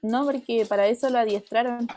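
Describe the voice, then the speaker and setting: A woman's voice: on the high side, steady tone, a little fast, warm tone. A woman student answering a teacher's questions in class, tentative and hesitant. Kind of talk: class discussion.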